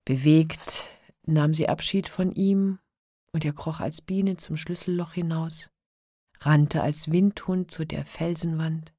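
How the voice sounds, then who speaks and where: Female storyteller, low breathy voice, soft and whispery fairy tale narration. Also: fairly even intonation, slow, dry recording, studio quality.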